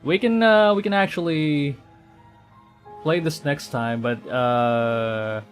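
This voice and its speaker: Hosting a game livestream as a VTuber, a Filipino man chats casually in a mid-pitched voice, with faint music in the background. He is unhurried, hesitant and halting, often circling back to repeat or restate a phrase.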